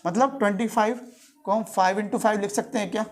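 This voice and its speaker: A male teacher lecturing to a classroom. He keeps throwing questions at the class in call-and-response and repeats each key term to drive it home. His delivery is steady and instructive. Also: sits high, fast talker. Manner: quizzing students in call-and-response; repeats and stresses key terms.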